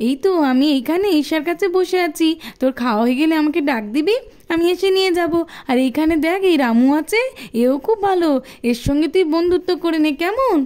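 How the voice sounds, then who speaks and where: A woman's voice: very high-pitched, animated, brisk, darkish tone. A woman voicing an eager, caring schoolgirl in a doll cartoon. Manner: eager, pleading.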